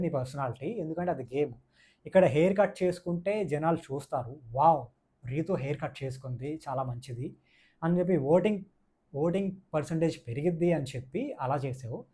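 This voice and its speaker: A man's voice: on the high side, mellow, husky. A man giving a casual, opinionated review of a reality show, mixing in English words and repeating his points for emphasis. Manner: mixes English words into speech.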